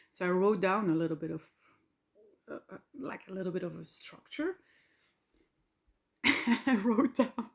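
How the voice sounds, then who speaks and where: A Flemish woman in her forties, a native Dutch speaker, hosts a solo podcast in English. She talks at an unhurried, slow pace, wandering and correcting herself with plenty of fillers. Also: medium pitch. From Belgium, Flemish part. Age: 40s. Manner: rambling, self-correcting, with fillers and small laughs. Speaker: podcast host. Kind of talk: casual solo podcast monologue.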